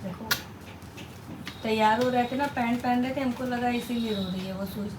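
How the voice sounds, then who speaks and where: A woman's voice: a little high, steady tone, normal speed. Coaxing mother vlogging, noisy audio. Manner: coaxing, sing-song talk to a toddler. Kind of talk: casual family vlog chat. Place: home, indoors.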